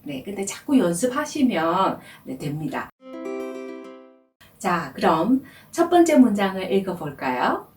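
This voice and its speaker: A woman teaching French, explaining pronunciation slowly and carefully. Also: medium pitch, sing-song, darkish tone, echoey room, recorded from a distance, faint music behind. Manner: slow, careful explanation with drawn-out demonstration words. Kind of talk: language lesson.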